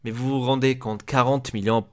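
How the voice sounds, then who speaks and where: A man's voice: medium pitch, fairly even intonation, moderate pace, darkish tone. A man ranting casually as a football vlogger, exasperated and crude.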